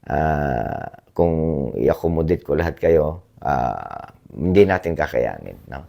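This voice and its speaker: Hoarse, deep-voiced man chatting to viewers. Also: animated, takes it slowly, background noise. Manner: polite, frequent tag questions, rambling. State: hoarse from a cough. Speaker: blogger reading viewer comments. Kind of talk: casual livestream-style chat.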